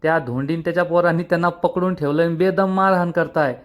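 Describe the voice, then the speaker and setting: A man voicing an angry, quarrelsome aunt who scolds and threatens in quick retorts. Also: on the high side, fairly even intonation, close to an everyday voice. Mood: angry, scolding. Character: quarrelsome aunt, woman, angry and sharp-tongued.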